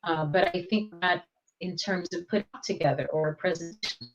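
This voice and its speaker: Woman meeting participant on a choppy video call whose voice drops in and out, halting delivery, muffled lo-fi line. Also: on the low side. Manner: halting, broken-off phrases. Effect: choppy video-call audio cutting in and out. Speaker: participant in an online group meeting. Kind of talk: casual discussion. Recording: dull lo-fi call audio, faint music.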